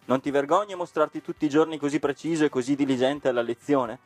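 A man's voice: on the high side, steady tone, quick pace, a little mellow, soft background music, pitched above the performer's own voice, lightly acted. A man doing scornful rowdy schoolboy bullies. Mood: threatening. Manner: threatening, scornful. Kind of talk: storybook reading.

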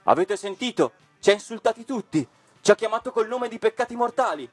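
A man's voice: medium pitch, animated, normal speed, no echo, soft background music, pitched above the performer's own voice, lightly acted. Male reader as threatening schoolboy gang, taunting, storybook. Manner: threatening, scornful. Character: gang of rowdy schoolboy bullies. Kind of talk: storybook reading.

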